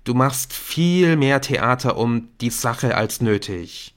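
A man's voice: medium pitch, expressive, takes it slowly. A man voicing a dismissive, defensive teenage boy. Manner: dismissive, brushing things off. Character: defensive teenage schoolboy hooked on a secret game. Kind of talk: audiobook character voice.

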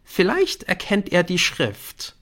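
A man's voice: huge pitch swings, takes it slowly, a bit bright, heavily acted. A man voicing an anxious, insistent teenage schoolboy. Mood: worried, insistent. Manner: pleading, urgent, voice raised high. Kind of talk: audiobook character voice.

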